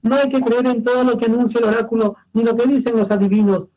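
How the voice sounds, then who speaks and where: A man teacher voicing Oedipus as a proud, anguished young king, commanding and shouting orders. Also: very high voice, little pitch movement, quick pace, low-quality recording. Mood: assured.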